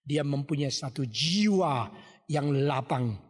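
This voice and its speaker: High-voiced preacher telling a story. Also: male voice, lively intonation, slow pace, slightly rough. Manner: vivid, repetitive storytelling cadence. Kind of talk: sermon storytelling. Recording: long hall reverb.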